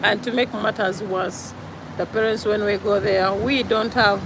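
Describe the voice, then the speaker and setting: A woman's voice: mid-range voice, steady tone, unhurried, very noisy. A Ugandan woman with a Ugandan accent gives an earnest, preachy vlog monologue, repeating her points for emphasis. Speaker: vlogger.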